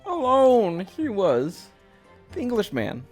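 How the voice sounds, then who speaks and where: Fussy elderly male witness, put on by a woman: high, lively, quavering, over soft game music. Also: exaggerated voice. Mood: doddering. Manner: quavering, drawn-out old man voice.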